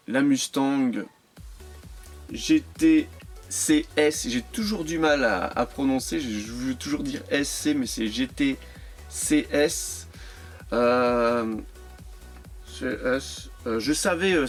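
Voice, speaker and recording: A man chatting casually while unboxing and reviewing his die-cast toy cars, hesitant and full of repeated words. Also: mid-range voice. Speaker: toy car collector vlogger.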